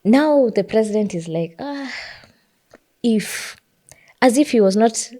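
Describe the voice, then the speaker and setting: Kenyan woman podcast co-host, mid pitch, emphatic and repetitive for effect. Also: a little slow. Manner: animated, emphatic, repeats phrases for effect. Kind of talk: political discussion podcast.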